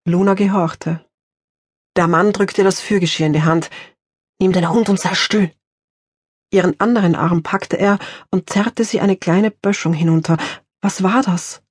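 Woman reading her own thriller audiobook, tense and measured, kinda husky, dry booth sound. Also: on the low side, fairly even intonation, a little mellow, dry recording. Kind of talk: scripted audiobook narration.

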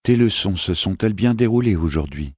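A man voicing a queenly mother who speaks gently and reassuringly, with a fierce edge underneath. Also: low-pitched, lively intonation, brisk, breathy edge, dry recording, clean studio sound, voice pushed up. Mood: tender. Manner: gentle, reassuring, flaring sharply.

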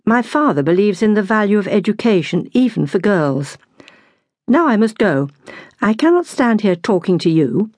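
A woman's voice: mid-range voice, sing-song, normal speed, a little mellow, no room sound, voice pushed up. A woman voicing a proud, cool seventeen-year-old Cypriot schoolgirl in an audiobook.

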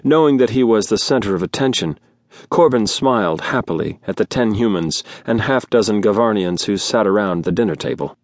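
A man narrating an audiobook in a studio in an even storytelling manner. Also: on the low side, a little fast, dry recording. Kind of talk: scripted narration. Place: recording studio. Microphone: studio mic.

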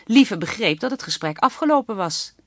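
A woman narrating a children's book audiobook with even, clear storytelling. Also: medium pitch, normal speed, no echo, studio quality.

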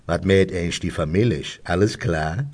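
A man acting out a jovial old undertaker, a cigar-smoking pub regular, who tells loud stories in Cologne dialect. His voice sits low and a little husky. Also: normal speed. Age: older. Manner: jovial, booming anecdotes.

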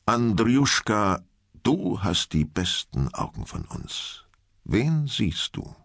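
A man voicing a calm older male magician who teaches young trainees in an audiobook. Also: lowish voice, slow pace, vocal fry, husky, no echo, clean studio sound, exaggerated voice. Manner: calm and instructive, then commanding shouts.

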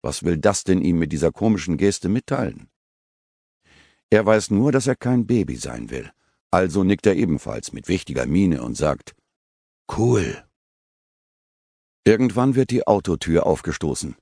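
A man reading an audiobook with vivid, even storytelling. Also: deep voice, moderate pace, creaky, husky, dry recording. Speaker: audiobook narrator. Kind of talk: scripted audiobook narration. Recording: dry studio recording.

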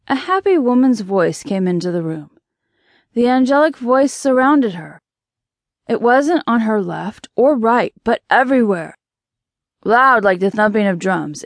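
A woman narrating an audiobook in a measured, dramatic reading style, close to the microphone. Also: on the high side, no room sound.

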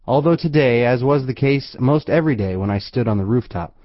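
A man reading an audiobook aloud as scripted first-person narration, with a wry, measured storytelling manner. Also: mid-range voice, animated, no echo. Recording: dry, slightly dull studio recording.

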